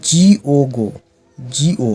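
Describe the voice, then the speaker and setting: Man drilling letter sounds, mellow voice. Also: mid-range voice, takes it slowly, slightly rough. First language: Bengali. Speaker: English teacher. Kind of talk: phonics lesson for beginners.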